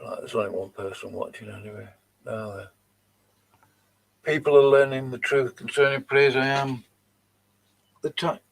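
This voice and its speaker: A man's voice: medium pitch, gravelly, fairly bright tone. A man hosting his channel, mocking and dismissive as he comments on video clips he plays. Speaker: channel host reacting to videos. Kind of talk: live commentary on played clips.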